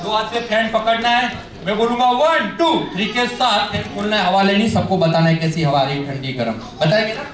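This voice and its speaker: A man's voice: high-pitched, normal speed. Echoey male kids' party magician, playful and teasing. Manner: playful teasing, coaxing children with questions and repeated instructions; projecting loudly to a party audience. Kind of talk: live kids' magic show patter. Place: large echoey indoor party hall. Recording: echoey hall from afar, loud party crowd noise.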